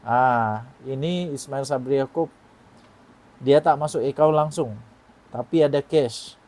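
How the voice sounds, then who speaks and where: Speaking at a measured pace with a medium-pitched, slightly mellow voice, this forties-aged man with a Malaysian Malay accent offers political commentary online. He's emphatic and keeps posing rhetorical questions to his audience.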